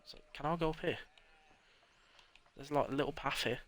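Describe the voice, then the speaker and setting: A man's voice: on the high side, moderate pace, a bit bright, a little hiss or hum. A man streaming a game, chatting casually and rambling with jokes and swearing. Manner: rambling and jokey, swears often. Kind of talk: casual gameplay commentary.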